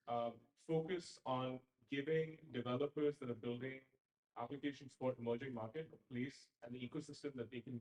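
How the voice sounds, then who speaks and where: A man's voice: medium pitch, darkish tone. Man from dubai, conference talk, hesitant, lots of uh, roomy echo. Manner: hesitant, many uh fillers. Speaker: conference speaker. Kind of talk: presentation talk. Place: event venue. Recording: roomy event hall.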